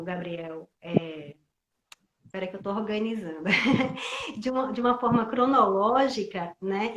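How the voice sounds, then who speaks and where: A woman's voice: medium pitch, a little hiss or hum. Reflective woman on an echoey call. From Pernambuco, Brazil. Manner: reflective, searching for words, many restarts. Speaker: guest actress and theatre teacher. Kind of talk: casual talk in a live video call. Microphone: computer mic on a video call.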